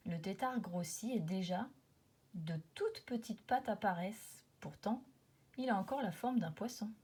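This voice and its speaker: Woman, mellow dark timbre, slightly husky, expressive nature documentary narration, children's book read aloud, storytelling emphasis. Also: medium pitch, unhurried. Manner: storytelling, dramatic emphasis on repeated words and sound words.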